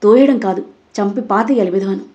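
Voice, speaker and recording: A woman's voice: a little high, brisk, dull audio, lightly acted. A woman voicing a stern, scolding father in a Telugu audio story. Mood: furious. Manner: scolding, loud and angry. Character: furious stern father of the household.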